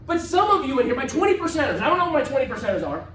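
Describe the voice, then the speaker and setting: A man giving an energetic, emphatic motivational seminar talk to a live audience. He repeats phrases and tags his lines with "right?". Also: extremely high pitch, racing. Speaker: motivational event speaker. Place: event room with a live audience. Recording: echoey room, far from mic, faint noise.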